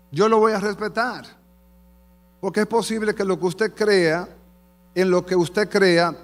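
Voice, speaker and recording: A man preaches with fervor from a church sanctuary, his voice sitting high for a man. He speaks straight to the congregation as a pastor. Long reverb trails off the walls of the hall. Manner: fervent preaching, calls the congregation "amado". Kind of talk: sermon.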